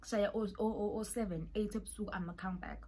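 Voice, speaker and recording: A woman's voice: medium pitch, quick pace, warm tone, husky. A young woman with a South African accent telling a dramatic storytime vlog, with whispered asides. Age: young adult. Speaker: vlogger.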